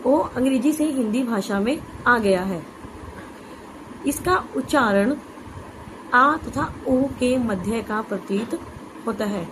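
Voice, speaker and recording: A woman teaching an exam-prep grammar lesson, explaining patiently, saying "okay" often and spelling out letters slowly. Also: a little high, fairly bright tone, slight background noise, rough recording.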